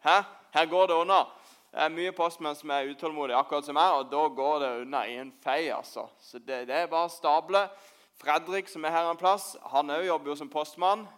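Man playing impatient postman, playful, chatty, children's church skit, slightly high voice. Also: a bit bright, smooth, close to an everyday voice. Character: impatient, joking male postman. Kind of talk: children's church role-play.

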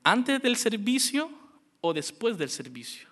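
A man preaching a sermon, who keeps calling his listeners brothers and moves between quiet, slow stretches and loud, fast exhortation. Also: extremely high pitch, sing-song. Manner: addresses listeners as brothers again and again. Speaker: pastor.

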